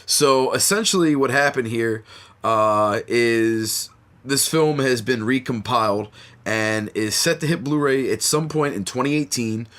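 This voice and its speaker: Stuffy from a cold, this horror podcast host keeps the casual chat laid-back and slangy, leaning on lots of fillers. His mid-range voice is unhurried and a bit bright.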